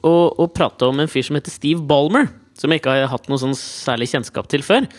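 A man in casual chat, reacting with jokes and quick interjections. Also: mid-range voice, faint music behind.

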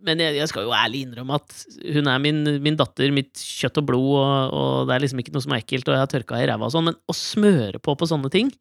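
A man's voice: medium pitch, vocal fry, few pauses, no room sound, clean studio sound. A man in his thirties, a father telling a candid, rambling, self-mocking story in casual chat over a video call.

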